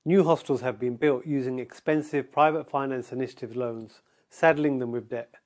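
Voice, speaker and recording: A man giving a measured, factual documentary narration. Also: mid-range voice, fairly even intonation, a little mellow.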